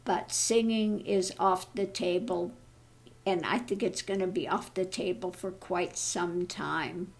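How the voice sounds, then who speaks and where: A woman in her early seventies, an online vlogger and tarot reader, chats casually about personal matters, speaking haltingly with fairly even intonation. After thyroid surgery her voice is lowered and tires easily. She stays good-humoured and laughs at her own troubles.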